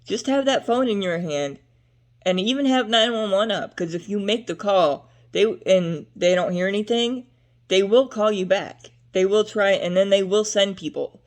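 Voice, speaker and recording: A woman's voice: mid-range voice, normal speed. A young adult woman vlogging to camera in a rambling, chatty way, drifting between topics with frequent fillers. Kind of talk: casual talk to camera.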